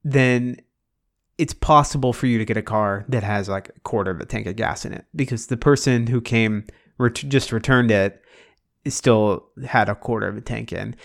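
A man chats loosely on a podcast. His voice is gravelly, with some vocal fry, and sits at a middling pitch. He wanders through his points, musing and restarting as he goes. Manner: rambling, musing, full of "like" and restarts. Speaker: podcast co-host. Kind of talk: casual chat.

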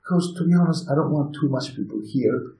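Turkish accented guy in his 40s, chatty and halting, telling stories in a roomy space. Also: mid-range voice, vocal fry. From Turkey. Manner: chatty, animated storyteller, halting phrasing. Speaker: guest, inn owner and balloon pilot. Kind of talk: casual interview storytelling. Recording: roomy echo.

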